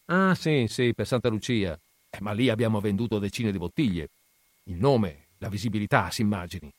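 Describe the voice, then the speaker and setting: A man voicing a pompous, quick-tempered wine magnate who bursts into shouted dialect insults. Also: fairly low pitch, lively intonation, no room sound. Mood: condescending. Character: irate pompous male wine magnate, middle-aged.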